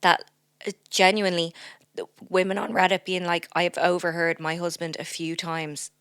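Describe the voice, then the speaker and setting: Irish woman, thirties, podcast co-host, self-mocking rambling chat, low-ish voice. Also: little pitch movement, moderate pace, a bit bright, smooth, no echo, studio quality. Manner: joking, self-deprecating, rambling with fillers. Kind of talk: casual comedic chat. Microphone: studio podcast mic.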